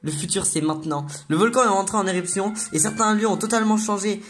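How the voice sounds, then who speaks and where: A gaming video host excitedly gives casual commentary on new game content, reading menu text aloud along the way, at medium pitch and a quick pace.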